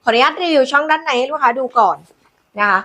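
A woman hosting a live sales pitch, demonstrating products in a chatty, coaxing way with polite endearments to customers. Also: quick pace, bright, forceful tone. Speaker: live-selling host presenting handbags.

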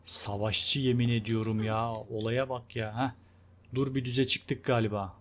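A young man casually commenting on his own gameplay, chatty and excitable, talking to his viewers and urging on the game character. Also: medium pitch, measured pace. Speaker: gameplay video host. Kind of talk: casual let's-play commentary.

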